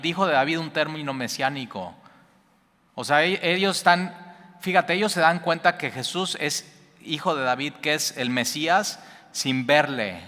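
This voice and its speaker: A man preaching a sermon, his voice bright and forceful. He talks straight to his listeners in a lively, conversational way, full of asides. The sound rings out with a long reverb. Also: medium pitch. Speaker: pastor. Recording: reverberant hall.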